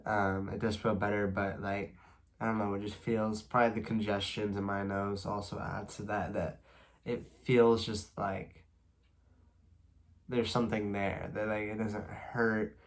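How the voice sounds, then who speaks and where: A young man with a stuffy, congested nose and slightly worn voice hosts a casual solo video recapping baseball standings. He speaks on the low side and unhurriedly, reading stats at a steady clip with rambling asides between them.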